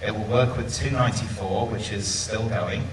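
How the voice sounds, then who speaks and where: A man with a lowish voice, fairly even intonation, and normal speed co-hosts a live podcast panel before a conference audience, running through the news, leading the discussion, and polling the room. The recording is noisy and roomy, made in a hall with the camera far away.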